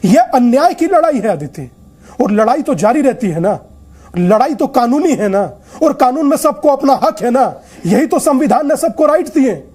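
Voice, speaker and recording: A man's voice: extremely high pitch, mellow, slightly rough. A man arguing insistently as a religious guest on a heated TV news debate, often talking over the other guest.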